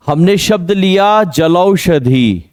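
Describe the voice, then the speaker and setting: A man teaching Hindi grammar in an exam coaching lesson, quizzing students on pronunciation and drawing out key words slowly. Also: sits high, expressive, darkish tone, no room sound, studio quality. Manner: drills pronunciation with repeated questions to students.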